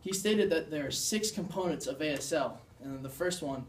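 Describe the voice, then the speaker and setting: A young student gives an earnest class presentation, demonstrating as he explains. His voice sits on the high side. It is picked up by a distant mic in an echoey room with a faint hum of ambience. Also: lively intonation, fairly quick.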